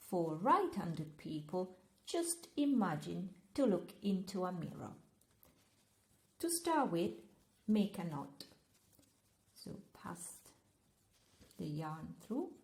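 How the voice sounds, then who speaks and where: Her voice sits on the low side and echoes around the room as this Italian crochet teacher, speaking with an Italian accent, guides each step. She keeps things light, chatting and gently joking through the instructions.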